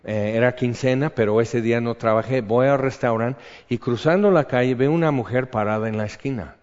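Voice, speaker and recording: A man preaching a sermon, telling a personal story in a conversational way and dropping to quiet asides. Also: medium pitch, a little fast. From rural upbringing. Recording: dull reverberant hall sound.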